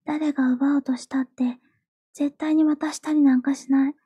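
A woman's voice: high voice, level tone, moderate pace, mellow, dry recording, studio quality, natural voice. A woman playing a possessive young yandere girlfriend in an intimate audio role-play, with a sweet, eerily obsessive manner. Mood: desperate, clinging.

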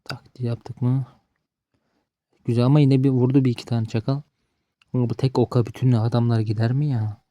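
Guy ranting through a card game match, dark mellow voice, dry close sound. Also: mid-range voice, level tone, fairly quick, pauses often, no echo. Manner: frustrated, swearing at the game, talking to himself. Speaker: gaming streamer. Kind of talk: casual gameplay commentary.

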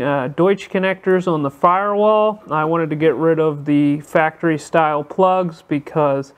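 This car builder runs a channel and gives a laid-back tour of a vehicle build in his indoor workshop, his fairly high voice picked up by the handheld camera he films on. His explanations are relaxed and peppered with filler sounds.

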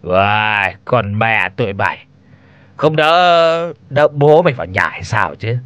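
A man's voice: fairly low pitch, big pitch swings, a little slow, a bit bright, no room sound. A man voicing a drunk, violent middle-aged village husband who slurs and snarls his abuse in a horror story. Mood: drunk snarling.

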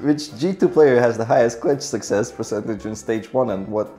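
A man's voice: mid-range voice, moderate pace, mellow. A man in his twenties casually hosting a quiz, reading questions aloud. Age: 20s. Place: small bathroom, seated in a chair. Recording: echoey bathroom, music behind.

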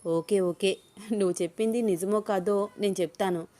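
A woman's voice: mid-range voice, fairly even intonation, normal speed, warm tone, lightly acted. Abhiram, a woman reading as a teasing young man. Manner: playful, teasing questions. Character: young man, teasing, smitten office boss. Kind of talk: storybook reading.

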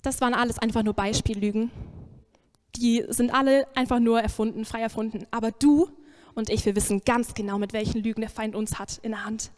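A woman preacher giving a lively sermon, emphatic and swinging between loud and soft. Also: on the high side, fairly quick.

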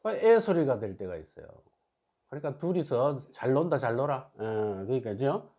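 A man teaching English phonics in a slow classroom style, repeating each word and often asking his listeners to agree. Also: medium pitch, very animated, warm tone. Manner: repeats words slowly, asks "그죠?" for agreement. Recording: dull lo-fi recording.

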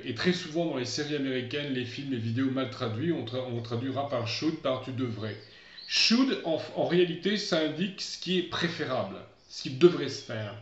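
A middle-aged man from France teaching English, explaining at length in a chatty way and slowing down for English examples. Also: mid-range voice. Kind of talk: online lesson. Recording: muffled, echoey room.

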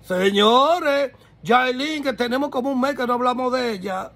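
A man's voice: very high voice, normal speed, vocal fry, fairly bright tone. A man hosting a celebrity gossip show, talking in a flamboyant, theatrical way straight to his audience.

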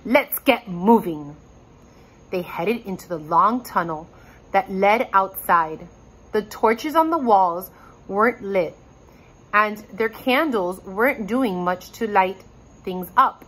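Breathy teacher reading a story aloud. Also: female voice, mid-range voice, slow, rough recording. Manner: addresses children, expressive.

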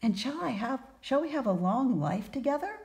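A woman voicing an eager, hopeful young male carpenter who talks in excited exclamations in a storybook reading. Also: high-pitched, moderate pace, pitched above the performer's own voice.

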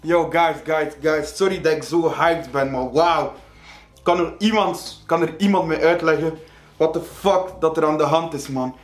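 A man hosting a reaction video, reacting to a rap track with loud, hyped exclamations. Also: fairly high pitch, moderate pace, roomy sound.

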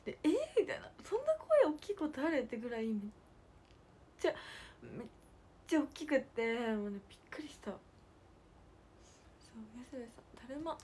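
A young woman with a hosts a relaxed livestream, chatting and giggling over stories and reading out fan comments. Her voice sits a little high. She slips into soft, breathy near-whispers to thank viewers, over a faint hiss behind her. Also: moderate pace, pauses often. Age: young adult. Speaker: idol livestream host.

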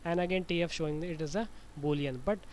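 Male tutorial presenter, higher-pitched voice, informal step-by-step delivery with hesitant repetition, some background noise. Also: darkish tone. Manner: halting, repetitive step-by-step explaining. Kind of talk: informal screen-recorded tutorial. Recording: noisy amateur screencast voice-over.

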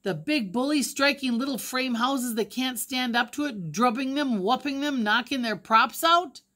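A woman's voice: high voice, normal speed, fairly bright tone, pitched above the performer's own voice. Earnest boy, brave, eager, storybook character, read by a woman. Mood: angry.

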